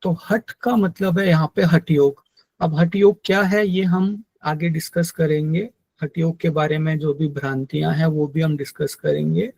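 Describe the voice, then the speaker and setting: A man teaching a yoga text in an online class, explaining slowly and patiently and drilling Sanskrit pronunciation. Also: a little high, fairly even intonation, vocal fry, a little mellow, dry recording. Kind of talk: online lecture.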